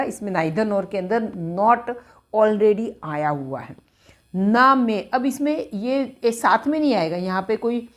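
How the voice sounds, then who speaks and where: A woman's voice: mid-range voice, a little mellow. A woman teaching English grammar step by step, repeating each phrase and mixing English words into her explanations.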